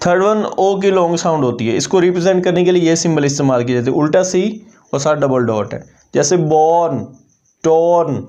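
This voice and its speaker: A man's voice: fairly high pitch, fast, darkish tone. A man teaching a lesson, explaining step by step and repeating example words aloud. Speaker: English teacher. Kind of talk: classroom-style lesson. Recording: dull lo-fi recording.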